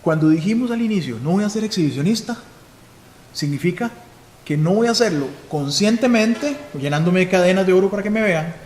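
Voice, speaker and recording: A man's voice: high voice, expressive, fairly quick, a little mellow. Male Costa Rican police chief, instructive seminar speaker, roomy hall with faint background noise. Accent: Costa Rican Spanish. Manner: instructive, asks and answers his own questions. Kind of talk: live seminar lecture.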